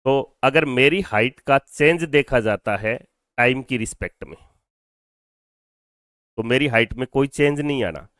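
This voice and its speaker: A man's voice: mid-range voice, expressive, measured pace, pauses often, a bit bright, no room sound, studio quality. A man teaching a physics class in Hindi mixed with English. He explains step by step, asks questions and answers them himself, and has the students repeat terms after him. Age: adult over twenty-two. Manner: mixes Hindi with English phrases. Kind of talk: classroom lecture.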